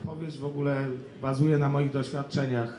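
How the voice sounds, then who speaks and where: A man's voice: medium pitch, little pitch movement, fairly quick, dark tone. A man who writes novels, talking hesitantly about his own work in an interview. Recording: echoey room, faint noise.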